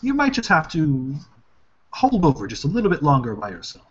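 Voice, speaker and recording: A man's voice: fairly high pitch, huge pitch swings, fairly quick, slightly rough. A man playing a tabletop game in character, speaking formally with hesitations. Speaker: player. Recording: muffled lo-fi recording.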